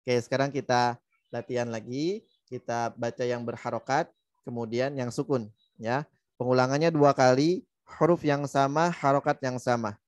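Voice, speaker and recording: A man's voice: medium pitch, no room sound. Patient man teaching recitation. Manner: patient, demonstrates letter sounds repeatedly. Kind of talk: online tajwid lesson.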